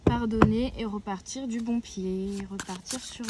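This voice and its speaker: Woman card reader, outdoors; gentle, halting delivery, audible noise and clicks on the track. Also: a little high. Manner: hesitant, often searching for words. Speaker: tarot and oracle card reader. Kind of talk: weekly card-reading guidance. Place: outdoors, near a tree.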